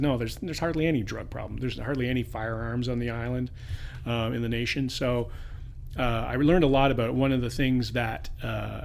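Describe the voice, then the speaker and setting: Male podcast co-host, quick delivery, casual rambling review chat. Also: mid-range voice, creaky, slight background noise. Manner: rambling, restarts, animated when retelling scenes.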